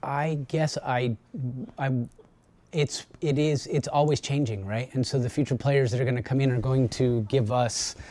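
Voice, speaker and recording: A man's voice: medium pitch, fairly even intonation, moderate pace, darkish tone. A man, a game's executive producer, answering interview questions casually and hesitantly, often restarting his phrases.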